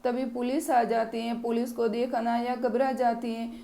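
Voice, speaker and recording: A woman narrating a family story in a steady, plain reading style. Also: fairly high pitch, normal speed, vocal fry.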